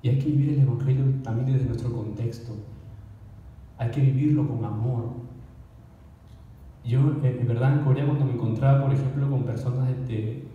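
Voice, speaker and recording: A man's voice: medium pitch, fairly even intonation, moderate pace, long pauses, far from the mic, narrow, tinny audio. A male pastor preaching a sermon in a conversational way, asking the congregation questions as he goes. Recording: echoey hall, voice from afar.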